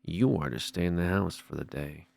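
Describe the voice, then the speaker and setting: A man voicing a stern, secretive old grandmother in a quiet, clipped, commanding way for a story game. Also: low voice, moderate pace, gravelly, soft background music, voice pushed down. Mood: stern, grave.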